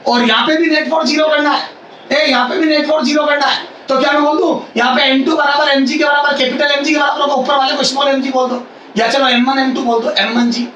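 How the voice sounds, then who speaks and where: A male physics teacher giving a classroom lecture in a loud, near-shouting voice, repeating phrases and quizzing his students. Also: very high voice, muffled recording. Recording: echoey classroom, mic far off, faint hiss.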